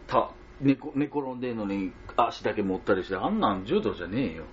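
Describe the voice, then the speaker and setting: Kansai-accented man, lively banter host, low voice, muffled noisy home recording. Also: fast talker. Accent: Kansai Japanese. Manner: animated, joking, lots of sound effects. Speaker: radio show co-host. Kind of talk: casual chat. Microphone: home recording mic.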